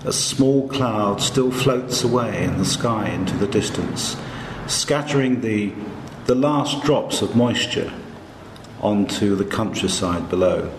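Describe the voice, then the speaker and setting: A man narrating a guided meditation in a calm, hushed, soothing manner, with long pauses between short phrases. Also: on the low side, reverberant, background noise.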